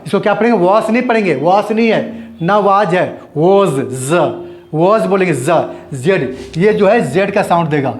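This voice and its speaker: A man's voice: high-pitched, a little fast, reverberant, slight background noise. A man teaching an English grammar lesson, explaining step by step, repeating points and asking and answering his own questions.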